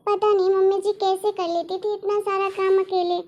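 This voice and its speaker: A woman's voice: very high-pitched, little pitch movement, moderate pace, a little mellow. A woman voicing a flustered young daughter-in-law in a cartoon story, whiny and exasperated. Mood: exhausted. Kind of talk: cartoon voice acting.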